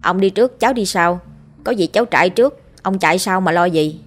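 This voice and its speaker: A woman voicing a frightened young male grandson who whines and pleads in high, shrill cries. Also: a little fast, close to an everyday voice. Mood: cheeky.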